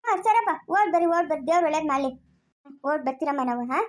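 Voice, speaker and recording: A woman plays a village relative in a home-made family drama, speaking. Her voice sits high and her words come quickly. She pleads and consoles with plain emotion. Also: lively intonation. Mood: pleading.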